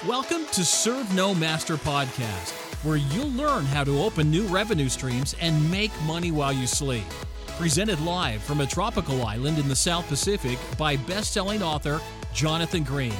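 A man reading a scripted podcast promo in a salesy infomercial style, like an announcer pitching to the listener. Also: lively intonation, moderate pace, music in the background. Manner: salesy, rhetorical pitch delivery.

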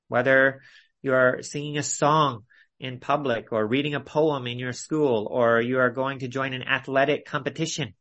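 Over an online video call, a man leads an expository Bible study, his mid-range, slightly bright voice earnest and instructive. His phrasing is measured and deliberate.

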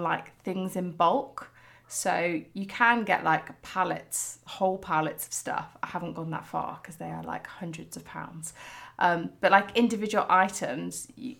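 A woman's voice: lowish voice, fairly even intonation, unhurried, gravelly, fairly bright tone. A woman co-hosting a podcast in casual chat, rambling and chatty with lots of filler words. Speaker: podcast co-host.

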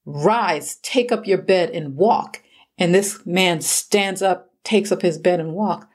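Low-voiced woman musing on scripture. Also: slow pace. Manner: thoughtful, wondering aloud. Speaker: Bible study co-host. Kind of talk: casual Bible discussion.

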